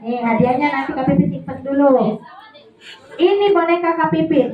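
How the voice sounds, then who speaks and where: A woman's voice: high voice, normal speed, echoey room, dull audio. A young woman entertaining children at a religious school gathering, coaxing them in a sing-song teacher voice.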